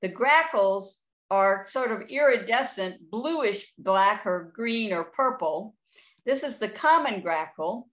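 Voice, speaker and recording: A woman's voice: mid-range voice, expressive, slow pace, fairly bright tone. A middle-aged woman, giving a chatty, informal talk on identifying birds, with frequent restarts. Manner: chatty, with frequent restarts and playful bird imitations. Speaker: birding presenter.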